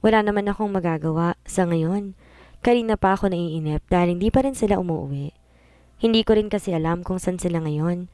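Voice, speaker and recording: Low-voiced woman narrating a story. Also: a little fast, mellow, no room sound. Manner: plaintive, emotional. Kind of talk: first-person story narration.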